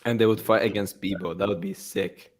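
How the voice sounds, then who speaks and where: A man's voice: deep voice, steady tone, a little fast. A man hosting a fan news livestream, chatting casually in a playful, teasing way with rambling asides and fillers.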